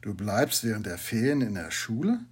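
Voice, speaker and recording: A man voicing a brisk, gruffly kind middle-aged teacher with a husky voice. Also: fairly low pitch, expressive. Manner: brisk and gruffly warm, emphatic.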